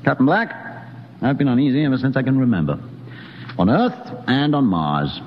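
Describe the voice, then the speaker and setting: A man's voice: medium pitch, very animated, natural voice. Brooding spaceship scientist in a reverberant hall man acting. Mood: bleak, detached. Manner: deliberate, musing, sardonic. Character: brooding, coolly philosophical male scientist aboard a spaceship. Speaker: radio drama actor. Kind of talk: 1950s radio drama acting. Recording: muffled, reverberant, hissy 1950s radio recording.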